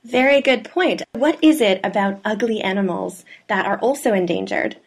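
Curious female science radio interviewer, mid-pitched. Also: moderate pace, vocal fry, breathy edge. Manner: curious, engaged questioning. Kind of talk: conversational interview.

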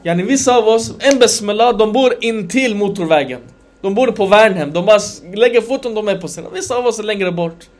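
Man, high voice, conversational sermon, animated, loud then quiet asides. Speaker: religious lecturer.

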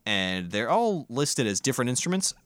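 A man's voice: medium pitch, big pitch swings, moderate pace, a bit bright, dry recording, clean studio sound. A man hosting a casual music podcast, reviewing records in an enthusiastic, profane, rambling way.

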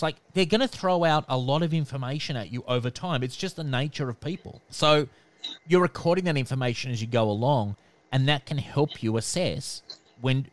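A man with a nasal voice, a debt collection expert giving calm, instructive answers in a podcast interview. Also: mid-range voice, no echo. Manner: calm, instructive, repeats "okay".

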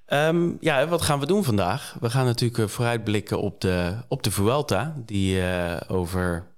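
A Dutch man hosts a relaxed podcast chat, his voice sitting a little low. He keeps stopping and restarting, with plenty of fillers between his thoughts. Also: moderate pace. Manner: hesitant, many fillers and restarts. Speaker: podcast host.

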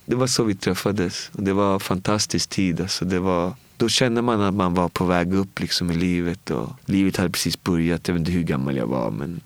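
Casual deep-voiced man telling a personal story. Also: hardly any pauses, no echo. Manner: casual and heartfelt, with frequent filler words and quoted dialogue. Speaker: guest.

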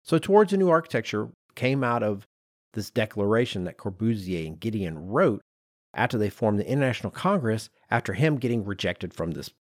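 A podcast host with a lowish voice tells the history of design in a loose, conversational way, his pitch swinging widely as he explains things and acts out small asides. He talks a little fast, and the sound is close and dry with no echo.

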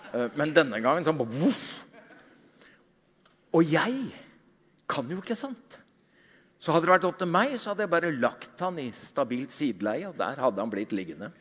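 Middle-aged male pastor preaching, animated storyteller, loud then hushed, dull recording with a long hall echo. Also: medium pitch, slightly rough. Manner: animated storytelling, swings between loud emphasis and quiet. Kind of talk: sermon.

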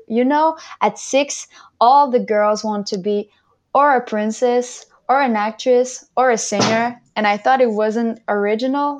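Young woman speaking careful second-language English, higher voice. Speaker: interview guest, singer and violinist. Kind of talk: personal storytelling in an interview.

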